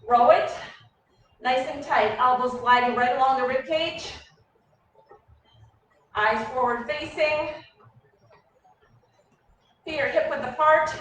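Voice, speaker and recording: A woman coaching a workout, giving energetic, encouraging and directive short cues and countdowns. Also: high voice, takes it slowly, long pauses, muffled recording. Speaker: fitness coach leading a warm-up. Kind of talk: group workout instruction, clipped cues and countdowns. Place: echoey indoor room, heard from a distance. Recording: very echoey room, distant mic, faint noise.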